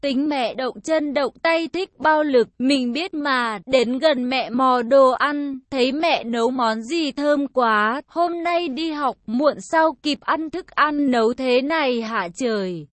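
Slow high-voiced woman telling a story. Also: dry recording. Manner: slow, lively storytelling with acted quotes. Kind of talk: first-person story narration.

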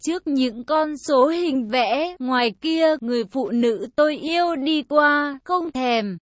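Female narrator, high and slow, dry close read of a story. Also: expressive, no room sound. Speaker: story reader. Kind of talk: first-person story narration.

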